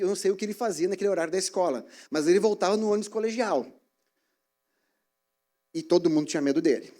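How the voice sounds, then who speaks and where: A man preaching a sermon in a church, telling stories in an animated way. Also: on the high side. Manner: animated storytelling, acting out scenes.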